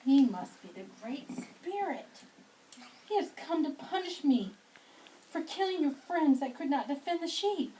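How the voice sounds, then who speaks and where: A woman's voice: high voice, very animated, unhurried, dark tone. A woman voicing a gullible, nervous sock puppet king in a goofy, over-dramatic way for an amateur show. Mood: amazed, aghast. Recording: distant mic with faint noise.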